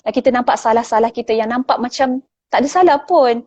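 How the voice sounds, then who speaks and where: A woman, a guest in a casual book chat, retelling stories in a lively way with many fillers. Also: fairly high pitch, fast talker, no echo.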